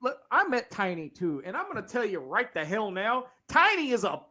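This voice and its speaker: A man's voice: sits high, very animated, moderate pace, a loud crowd. A man hosting a casual podcast chat over an online call, loose and profane, running the show. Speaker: podcast host.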